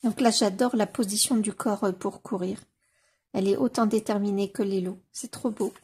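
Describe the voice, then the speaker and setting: A woman casually leafing through a coloring book on camera, gushing over the pages with many fillers and slowly sounding out titles. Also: mid-range voice, fairly even intonation, dark tone, slightly rough. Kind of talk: casual flip-through commentary.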